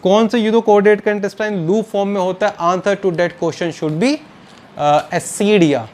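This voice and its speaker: A man teaching a biology lecture to students, mixing Hindi and English and slowly repeating key terms, fondly calling them children. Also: sits high, steady tone, a little mellow. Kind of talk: recorded online lecture.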